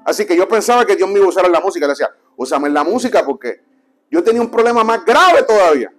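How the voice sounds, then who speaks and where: Guy preaching his testimony, high voice, soft music behind. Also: rapid-fire. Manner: animated storyteller, acts out dialogue and drops low for quotes. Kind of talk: sermon testimony, storytelling.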